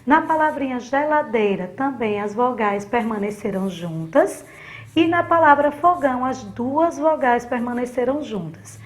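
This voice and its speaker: A woman's voice: fairly high pitch, expressive, unhurried. A woman from Sergipe in Brazil, a primary school teacher giving a recorded remote lesson to children, patient and fond of diminutives.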